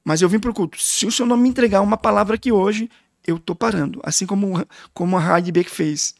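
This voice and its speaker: Pastor guy telling his testimony, kinda high gravelly voice, dry close sound, really emotional. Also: quick pace, no echo. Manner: fervent, emotional storytelling. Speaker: guest pastor. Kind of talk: personal testimony in a podcast interview.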